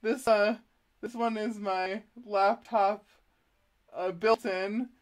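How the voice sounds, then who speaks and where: This woman speaks slowly and steadily at medium pitch during a casual live stream from her art studio. She giggles a lot, pokes fun at herself and fumbles with her setup, which includes a laptop, DSLR and chest-mounted webcam.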